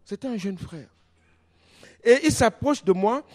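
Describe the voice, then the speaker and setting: A male pastor preaching a sermon in a church, telling stories with animation, his voice dropping to a hush and then rising loudly. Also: high voice, measured pace. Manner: animated storytelling, swings between hushed and loud.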